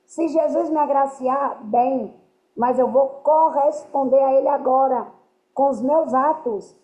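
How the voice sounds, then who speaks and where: Earnest high-voiced woman teaching. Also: a little slow, mellow. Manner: earnest, keeps checking understanding. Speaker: spiritual teacher. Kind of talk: spiritual teaching to a group. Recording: roomy, dull lo-fi sound.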